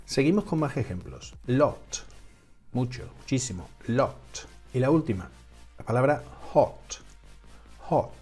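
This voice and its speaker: A man's voice: medium pitch, very animated, moderate pace, a little mellow, breathy edge, soft background music. A man with a Peninsular Spanish accent, teaching English pronunciation in a patient, step-by-step way, repeating each example word. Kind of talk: scripted lesson.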